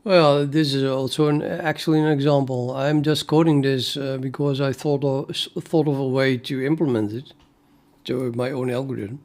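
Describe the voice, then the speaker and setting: On a casual coding live stream, a Dutch programmer from the Netherlands thinks aloud, peppering his talk with fillers and restarts. His native Dutch accent colors a medium-pitched, darkish voice delivered at normal speed with fairly even intonation.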